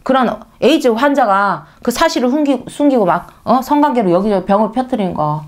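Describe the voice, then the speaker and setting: A woman preaching a sermon in a conversational way, often asking her listeners rhetorical questions. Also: brisk. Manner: animated, pitch leaps for emphasis.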